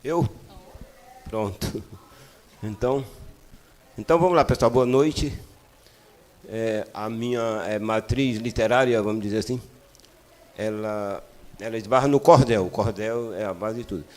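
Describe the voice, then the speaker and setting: Rambling older Brazilian poet from Piauí. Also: male voice, lowish voice, a little slow, long pauses. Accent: Piauí Brazilian Portuguese. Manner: rambling, hesitant, self-joking. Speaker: cordel poet guest. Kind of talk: casual panel talk.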